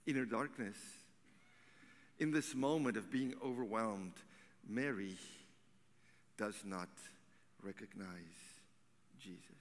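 A male pastor preaching a sermon, swinging between loud declarations and hushed near-whispers. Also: fairly low pitch, takes it slowly, long pauses. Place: church sanctuary. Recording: long church reverb.

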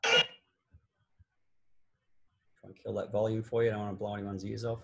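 A man's voice: fairly low pitch, flat delivery, moderate pace, creaky, heavy background noise. Man coaching over a video call. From Australia. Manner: conversational, explanatory, frequent fillers and restarts. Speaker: basketball coach presenting a clinic. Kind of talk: online coaching clinic talk over game video. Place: small office at home. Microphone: laptop webcam on a video call.

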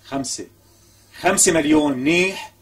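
A man's voice: on the high side, sing-song, rapid-fire, gravelly, a bit bright, breathy edge, exaggerated voice. An actor with a Syrian accent playing a persistent, coaxing man who makes ever bigger offers in a TV comedy. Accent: Syrian Arabic. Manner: coaxing, wheedling, insistent. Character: smooth, pushy man bargaining hard. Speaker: persistent visitor. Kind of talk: TV comedy acting.

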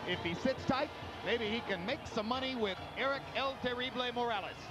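A man's voice: very high-pitched, brisk. A man giving articulate, emphatic play-by-play commentary as the lead voice of a boxing broadcast. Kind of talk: sports commentary.

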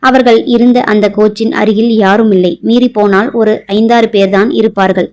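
A woman reading a short romance audio novel aloud with a steady storytelling delivery. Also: a little high, normal speed. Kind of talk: scripted story narration.

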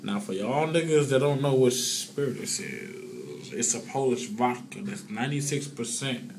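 A man's voice: mid-range voice, sing-song, normal speed, gravelly, a little mellow, slight background noise. A very drunk young man on a casual rant, rambling, repeating himself and swearing, recorded on a phone held close in a restroom. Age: young adult. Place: small tiled public restroom. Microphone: phone held close at arm's length.

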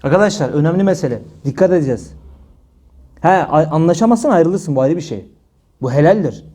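Male preacher, high voice, scolding and emphatic, religious talk. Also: animated, brisk, mellow. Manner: scolding, emphatic, rhetorical questions.

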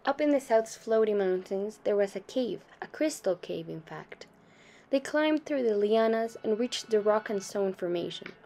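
A young adult woman reading a short story aloud in a steady storytelling manner, softening her voice for quoted lines. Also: mid-range voice, moderate pace, gravelly. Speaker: student reader.

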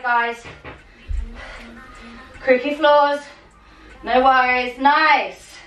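A young woman with a high, bright voice coaches a workout in short commanding bursts, like a motivating gym coach. Her delivery is unhurried, with gaps between cues. She is recorded at a distance in a roomy living room. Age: young adult. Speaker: fitness coach leading a home workout. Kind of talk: workout instruction with countdowns and cheering on. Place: small home living and dining room. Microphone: camera a few metres away. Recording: roomy, distant mic, music underneath.

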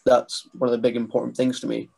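A young man, talking as a guest on a video call interview, soft-spoken and hesitant with restarts. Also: medium pitch, monotone, fast talker, creaky, husky. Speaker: guest, wrestling writer and trainee. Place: small bedroom indoors. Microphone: webcam mic on video call.

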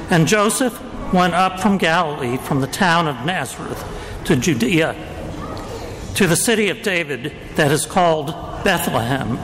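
A man speaking as a priest at a church service, solemn and deliberate, phrase by phrase, with a cathedral echo around his voice. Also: fairly high pitch, a bit bright. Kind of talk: liturgical gospel reading and homily preaching. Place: large church with echoing acoustics. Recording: cathedral-like echo, long reverb, background noise.

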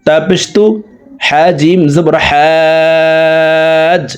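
A man's voice: fairly high pitch, a little mellow. A man teaching Quran reading with a Bangladeshi Bengali accent. He spells out each letter and vowel sign, then chants the joined words. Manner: rapid plain explanations between drawn-out chanted phrases. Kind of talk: slow spelling-out recitation lesson.

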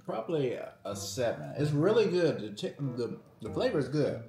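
A man's voice: mid-range voice, very animated, moderate pace, mellow, soft background music. A man, a father, teasing and joking through a casual taste-test chat with his child. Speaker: father co-hosting a food taste-test vlog. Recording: roomy indoor echo.

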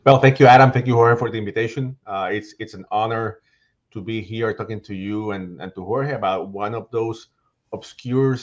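Puerto Rican man, low voice, headset call. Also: moderate pace, lo-fi sound. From Puerto Rico. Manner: animated, restarts phrases often. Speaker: guest, baseball writer and podcaster. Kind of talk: casual video-call interview. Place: small home room with shelves. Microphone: headset on video call.

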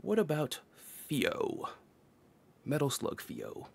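A man's voice: fairly high pitch, wildly swooping pitch, takes it slowly, creaky, a little mellow, breathy edge. A man hosting a casual chat about fighting games, rambling with lots of fillers and laughing often. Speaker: podcast host.

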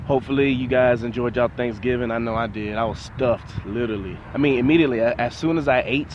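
A man's voice: mid-range voice, quick pace, muffled recording, a little hiss or hum. A man, chatting casually and motivationally in slangy workout vlog style. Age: 20s. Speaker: fitness vlogger and football player. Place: outdoor sports field. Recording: loud music behind outdoor vlog talk. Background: loud music.

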